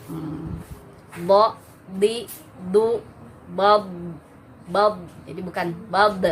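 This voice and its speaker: A woman teaching Quran recitation in a relaxed, informal lesson, explaining slowly with many fillers and sounding out syllables for her students. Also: lowish voice. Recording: noisy background hiss.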